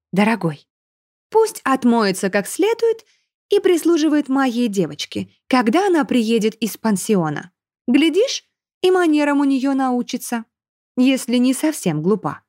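Woman playing a mock-sweet haughty stepmother, high, lilting, storybook. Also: a little mellow, no room sound, studio quality, exaggerated voice. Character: sugary scheming stepmother, haughty young bride.

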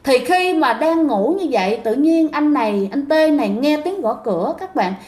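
A woman's voice: high voice, animated, moderate pace, darkish tone. Chatty woman storyteller. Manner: chatty, addresses listeners directly. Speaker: ghost story narrator. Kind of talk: casual spoken storytelling. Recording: roomy echo.

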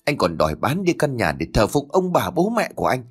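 A man's voice: medium pitch, huge pitch swings, fairly quick, slightly rough, soft background music. A man reading an audiobook, playing an outspoken young woman who rebukes her cousin heatedly. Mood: tearful. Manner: rebuking, heated, tearful pleading.

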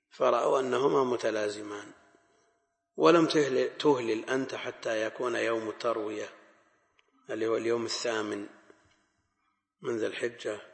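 A man teaching a classical Arabic lesson on hadith, explaining in a measured way and repeating key phrases for emphasis. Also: medium pitch, vocal fry. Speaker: Islamic scholar teaching hadith. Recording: echoey hall with long reverb.

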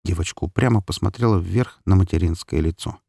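Low, gravelly male audiobook narrator. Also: brisk, mellow, no room sound, clean studio sound. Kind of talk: scripted narration.

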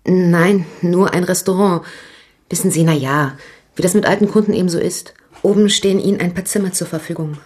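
Her lowish, darkish voice has a breathy edge and runs a little fast as this actress portrays a nervous, talkative shop owner in a radio crime drama. Hesitant and confiding, she gossips and frequently restarts what she's saying.

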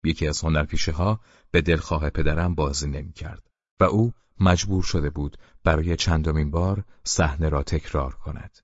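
A man with a very deep voice narrates an audiobook in a steady, measured way. The recording is dry and close with no room sound. It is a little dull and muffled. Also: dry recording.

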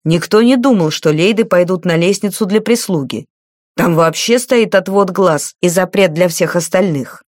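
A curt duke, as a woman reads him brushes matters off in short, clipped lines. Her voice stays lowish and close, recorded in a dry space. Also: moderate pace, darkish tone, no echo, close to an everyday voice. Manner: clipped, dismissive. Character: curt, brisk male duke.

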